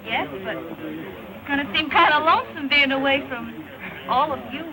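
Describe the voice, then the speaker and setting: A woman's voice: high-pitched, sing-song, normal speed. An actress playing a sweet, wistful young woman of the West in an early 1930s film. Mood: hesitant, wistful. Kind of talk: early 1930s talkie western film acting. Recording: noisy crackly 1930s film soundtrack.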